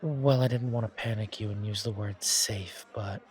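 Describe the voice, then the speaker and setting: A man's darkish, low-leaning voice carries fairly even intonation at a moderate pace as he lightly acts the part of a reassuring bartender at a supernatural bar. The naturalistic one-sided roleplay is chatty and a bit hesitant, with a concerned, comforting mood and bar crowd chatter behind him.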